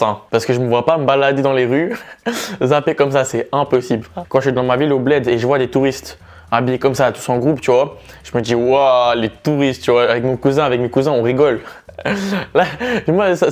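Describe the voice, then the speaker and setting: A young man chatting casually on his vlog, slangy and animated, laughing often. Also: mid-range voice, brisk. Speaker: vlogger.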